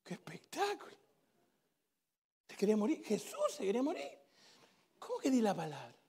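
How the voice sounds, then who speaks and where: A man preaching a sermon in a church with a Rioplatense accent, emphatic, swinging between shouts and hushed intensity. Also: high voice, huge pitch swings, fast talker, vocal fry, breathy edge. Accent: Rioplatense Spanish.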